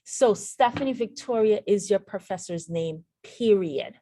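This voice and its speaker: A woman's voice: mid-range voice, animated, unhurried, warm tone, no room sound. A woman teaching a nursing exam lesson over a screen share, speaking straight to her viewers and repeating the key points for emphasis. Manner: addresses viewers directly.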